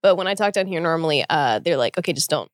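A woman singer talks on a podcast in a hesitant, filler-heavy way, with a slight vocal fry. The recording is dry and close. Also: deep voice, expressive, quick pace, no echo. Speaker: singer guest. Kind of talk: casual podcast chat.

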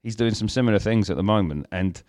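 Guy co-hosting a dad podcast, quick talker, animated stories about his kid. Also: on the low side. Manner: animated storytelling, acts out exchanges with his toddler. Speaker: podcast co-host. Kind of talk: casual chat.

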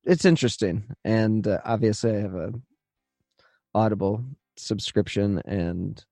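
A man's voice: fairly low pitch, measured pace, warm tone, no room sound, soft background music. A man hosting a true crime podcast, moving between introduction and casual chat in a studio.

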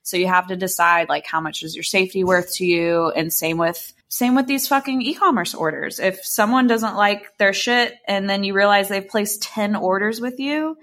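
A woman's voice: mid-range voice, moderate pace, few pauses, fairly bright tone. A woman chatting casually and unscripted as a podcast co-host, giving advice in a frank, slangy, sometimes profane way.

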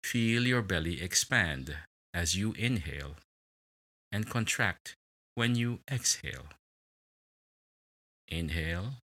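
A man with a deep, low voice guides a relaxation meditation at an unhurried pace. His tone is bright and clear, and his pitch rises and falls expressively as he lingers on each word. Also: expressive. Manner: slow, soothing, with long pauses.

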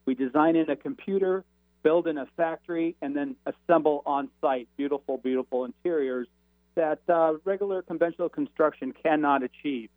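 A man's voice reaches us over a crackly phone line that keeps fading in and out. It sits a little high for a man and is thin and tinny, with no room around it. He talks with hesitant fillers and restarts. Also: brisk, no echo. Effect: crackly phone line that fades in and out. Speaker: radio show guest. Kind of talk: casual explaining. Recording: tinny, breaking-up phone call.

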